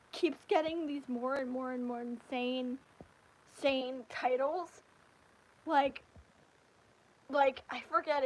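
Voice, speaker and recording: A woman hosting a casual livestream, chatting about anime in a rambling, animated way. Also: high-pitched, rough recording. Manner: rambling, animated, with frequent restarts and fillers. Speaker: livestream host. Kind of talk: casual anime review chat.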